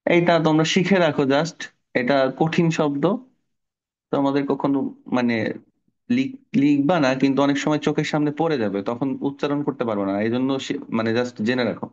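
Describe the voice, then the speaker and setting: A man's voice: mid-range voice, a little mellow, highs cut off. Patient man teaching a children's class. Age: middle-aged. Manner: patient, explains slowly with questions to the class. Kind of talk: online Bangla spelling lesson for children.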